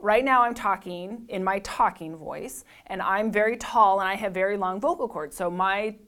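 A woman with a low alto voice talks through a music lesson. She explains each step, then sings sirens and single notes to show how it's done. She speaks in a plain instructional way. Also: moderate pace, fairly bright tone. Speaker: music teacher. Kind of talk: instructional talk to camera.

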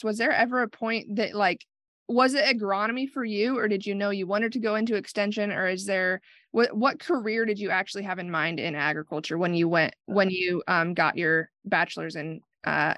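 A woman's voice: medium pitch, fairly quick, fairly bright tone, no echo, studio quality. A woman co-hosting a farming podcast, introducing the episode and asking the guest friendly questions. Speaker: podcast co-host. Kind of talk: podcast interview.

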